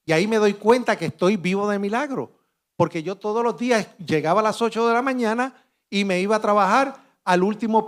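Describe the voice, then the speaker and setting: A middle-aged man from Rico, speaking on a conference panel and telling a dramatic first-person story with animated delivery and acted-out dialogue. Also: high-pitched. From Puerto Rico. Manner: vivid and animated, shouting out sound effects and acting out dialogue.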